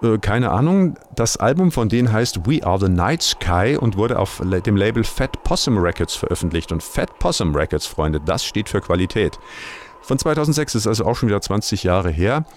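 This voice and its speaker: A man's voice: on the low side, big pitch swings, moderate pace, slight background noise. A middle-aged man presenting a music show in a casual, rambling, colloquial and self-ironic way. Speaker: radio music show host.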